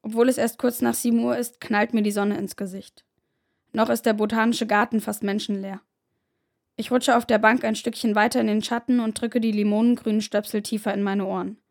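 Gravelly woman reading a story. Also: fairly high pitch, little pitch movement, a little fast. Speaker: narrator. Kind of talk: first-person audiobook narration.

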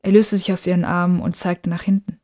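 Warm-toned woman narrating a story. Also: lowish voice. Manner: calm, measured and hushed.

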